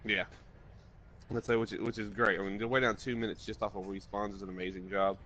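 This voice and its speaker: A man's voice: lowish voice, flat delivery, brisk, bright, forceful tone, slight background noise. A man giving color commentary on an esports match, thinking aloud and sharing opinions. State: just woke up. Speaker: esports analyst.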